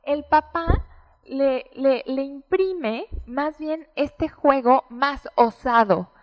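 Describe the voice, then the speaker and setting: Woman, high voice, expert guest, animated explaining, echoing hall reverb. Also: drawn-out words, dull audio. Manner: animated, acts out quoted parents' voices. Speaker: child psychology expert guest. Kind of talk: explanatory interview talk.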